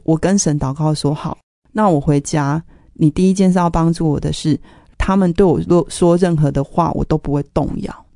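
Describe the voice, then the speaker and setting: A woman with a fairly low, dark and mellow voice shares her faith testimony in an interview. She tells it earnestly, with strong emotion running under her words. The sound is close and dry. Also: normal speed, no room sound. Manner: earnest, emotional retelling of family conflict. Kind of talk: personal testimony storytelling.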